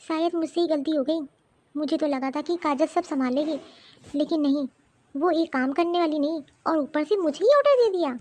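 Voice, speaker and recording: A woman's voice: high-pitched, normal speed, a little mellow, natural voice. A woman voicing an older mother-in-law in a cartoon, with a fussy, scolding way of talking. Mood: regretful. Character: older mother-in-law, doting then regretful. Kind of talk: cartoon voice acting.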